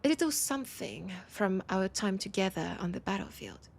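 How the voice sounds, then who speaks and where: A woman with a French accent plays an ancient vampire veteran, proud and wistful, in an intimate audio roleplay. Her husky, breathy voice sits at medium pitch and sounds animated, tender and sentimental, moving slowly with sighs and lingering pauses. There is slight background noise.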